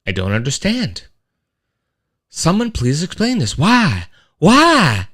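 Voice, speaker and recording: A man's voice: fairly high pitch, measured pace. A middle-aged man, hosting a casual live-stream monologue, rambling with restarts. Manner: animated storyteller, rambling with restarts and sound effects. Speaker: host of a weekly live-stream show.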